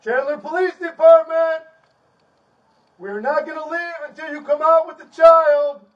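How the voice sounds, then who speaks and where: A police officer, a man, shouting repeated loud commands through a megaphone. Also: extremely high pitch, fairly even intonation, unhurried, far from the mic, lo-fi sound.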